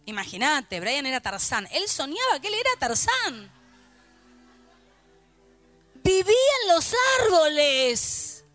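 A middle-aged woman pastor with a Rioplatense Argentine accent, telling funny stories to her congregation in an animated sermon. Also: high voice, takes it slowly, long pauses, soft background music. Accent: Rioplatense Spanish. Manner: animated storytelling, playful asides to the congregation. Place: church before a live congregation.

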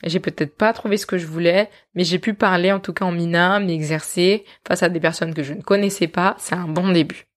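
A woman hosting a podcast, telling her story in a lively, self-mocking way and often laughing. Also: lowish voice, a little fast, few pauses. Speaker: podcast host.

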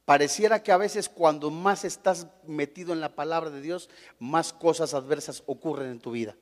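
High-voiced male preacher in an echoing hall. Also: normal speed. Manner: rhetorical questions to the congregation; acts out short scenes in character voices. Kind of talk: sermon.

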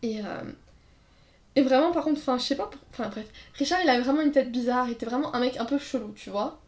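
Woman chatting, lots of voiced quotes, highish voice, roomy sound. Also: quick pace. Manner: lively anecdotes with voiced quotes and laughter. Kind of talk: casual storytelling chat. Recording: roomy echo.

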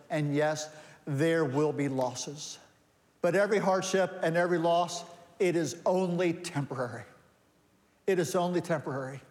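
This pastor's high tenor is a little mellow as he preaches from the sanctuary. He strings rhetorical questions together and answers them with mounting emphasis, and his voice dies away into long, echoing reverb.

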